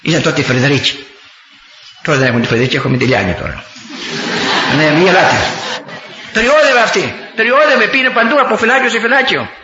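An older man from Greece, a priest and former army chaplain, preaching with impassioned storytelling that rises to near-shouts. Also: high-pitched, expressive, long pauses, background noise. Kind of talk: storytelling sermon. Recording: echoey, dull lo-fi room recording.

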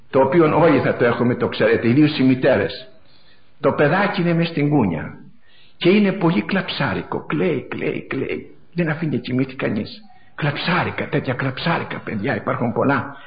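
Impassioned middle-aged male preacher, echoey. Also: fairly high pitch. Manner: impassioned, repetitive, swings from loud to hushed. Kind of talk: sermon. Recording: echoey, dull lo-fi recording.

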